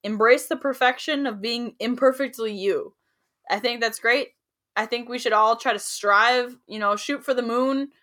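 A woman's voice: on the high side, normal speed, pushed and bright. A woman co-hosting a podcast in upbeat casual chat, laughing often. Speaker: podcast co-host.

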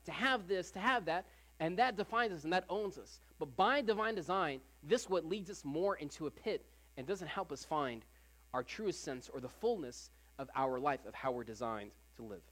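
A preacher giving a conversational Sunday sermon to a congregation, often repeating phrases and filling pauses with "like". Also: mid-range voice, lively intonation, fairly bright tone. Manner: casual, repeats phrases, frequent "like" fillers.

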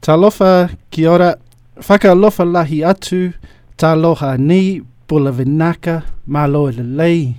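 A man's voice: fairly high pitch, fairly even intonation, a little slow, few pauses, a little mellow, dry recording, clean studio sound. A man hosting a conversational interview, putting questions to a guest and responding. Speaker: podcast interviewer.

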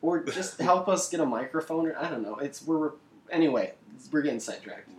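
A man's voice: fairly high pitch, lively intonation, a little fast. A man co-hosting a casual history podcast, chiming in and finishing his co-host's sentences, recorded at home. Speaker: podcast co-host. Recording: echoey home room.

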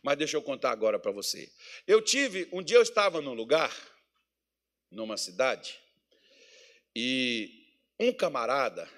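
Bright-voiced preaching pastor from Minas Gerais. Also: male voice, medium pitch. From Minas Gerais, Brazil. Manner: folksy, joking asides, builds to emphatic preaching. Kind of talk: sermon. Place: church meeting hall.

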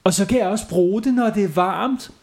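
A man voicing a young girl, lively and a bit sulky. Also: high voice, voice pushed up. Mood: pleased.

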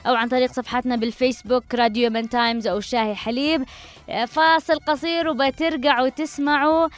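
A woman's voice: sits high, steady tone, quick pace. A woman radio host with a Yemeni accent, giving earnest, exhorting talk. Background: music.

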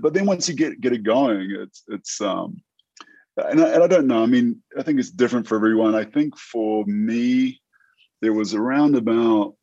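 In a relaxed interview, a New Zealand tech entrepreneur in his fifties, who speaks with an American accent, stumbles along with frequent fillers and restarts. His voice is on the low side and a little mellow; the recording has no echo, but its highs are cut off.

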